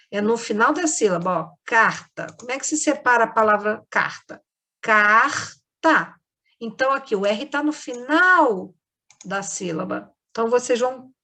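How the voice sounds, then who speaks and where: A woman with a Brazilian Portuguese accent gives a remote lesson to young children. She speaks at an unhurried pace in a somewhat high voice. She explains each step patiently and keeps checking that they follow along. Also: fairly bright tone. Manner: patient, explaining step by step, frequent tag questions. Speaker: primary school teacher.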